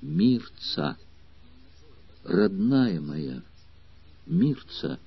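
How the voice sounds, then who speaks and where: A man voicing a dying young man in an audiobook, speaking weakly in a hushed, halting voice. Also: lowish voice, big pitch swings, breathy edge, dry recording, muffled recording, exaggerated voice. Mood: faint.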